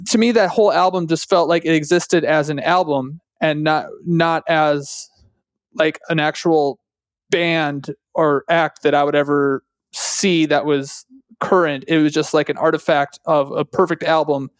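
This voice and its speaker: A podcast co-host talking in a relaxed, casual way, with some hesitant restarts. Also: mid-range voice, unhurried, clean tone, dry recording.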